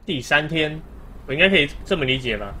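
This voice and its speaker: A man's voice: a little high, animated, quick pace, pushed and bright. A young man gives casual, chatty horror game commentary, muttering reactions and frequent exclamations as he plays. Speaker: gaming streamer. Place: indoor room, webcam setup. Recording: clear noise, game ambience behind voice. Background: horror game sound effects.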